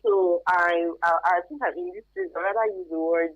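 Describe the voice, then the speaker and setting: Over a thin phone connection with no echo, this woman talks fairly quickly in a lowish, expressive voice with a Nigerian accent. As an expert interview guest on human trafficking, she explains things in a spontaneous, emphatic way.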